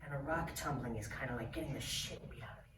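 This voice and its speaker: A man's voice: mid-range voice, fast talker. A man performing a stand-up comedy set, telling stories conversationally with fillers at a live venue. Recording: distant roomy stage recording with noise.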